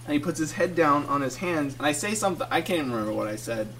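A man's voice: a little high, rapid-fire, far from the mic, slight background noise. A man co-hosting a podcast, telling a story casually and laughing through it. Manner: animated, laughs through his own story. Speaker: podcast co-host.

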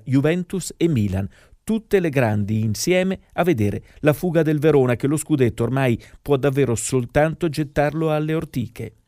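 A man's voice: medium pitch, darkish tone, dry recording, studio quality. A man narrating scripted football history in a dramatic storytelling manner.

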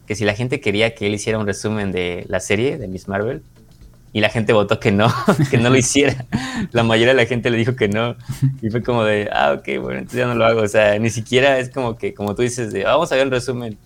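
A man's voice: fairly low pitch, steady tone, brisk. A man with a Mexican accent co-hosting a podcast, giving a casual, informal review and often rephrasing as he explains. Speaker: podcast co-host and series reviewer.

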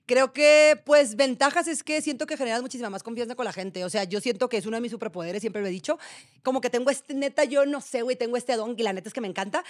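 A young woman with a Sinaloan accent chatting as a podcast guest, pitched a bit high and racing along. She speaks loudly and bluntly, and slang tumbles out in quick bursts. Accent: Sinaloan Mexican Spanish. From Sinaloa, Mexico. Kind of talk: casual chat.

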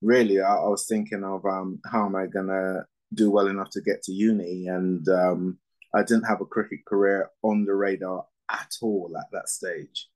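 A man in his fifties who grew up in Barbados, a former cricketer and coach answering interview questions in a measured way with lots of ums. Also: low voice, level tone, darkish tone, rough recording. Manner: measured, with frequent fillers.

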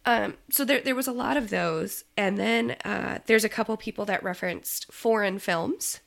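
A woman's voice: mid-range voice, normal speed, creaky. A woman co-hosting a podcast, chatting casually with plenty of ums and easy laughs. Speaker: podcast co-host. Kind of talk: casual chat.

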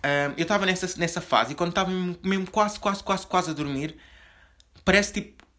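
A young man with a European Portuguese accent and a soft voice, rambling confessionally as host of his own casual podcast, with many fillers and restarts. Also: sits high, a little fast. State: slightly deeper voice from just waking up. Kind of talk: casual solo podcast chat.

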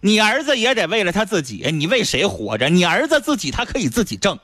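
A man's voice: high voice, big pitch swings, fast, pushed and bright, no echo. Radio host guy, bossy and scolding, voice jumps all over, dry studio sound. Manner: scolding, lecturing. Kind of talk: blunt advice radio talk. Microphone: studio mic.

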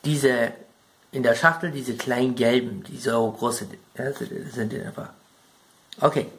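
A chatty German-accented man runs through game plot points in a loose, rambling way. He keeps turning to his viewers and talking to them directly. His pitch sits right in the middle. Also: fairly even intonation, a little slow, fairly bright tone. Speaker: gaming video creator.

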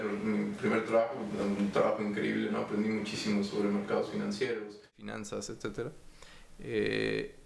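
A man in his forties from Mexico City with a Mexican accent, talking casually as an interview guest, relaxed and rambling with many fillers. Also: on the low side, vocal fry. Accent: Mexican Spanish. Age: 40s. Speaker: guest, finance executive.

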